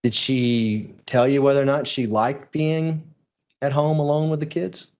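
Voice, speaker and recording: A man's voice: medium pitch, little pitch movement, measured pace, a little mellow. A man working as a lawyer questions a witness in a courtroom, putting formal questions step by step.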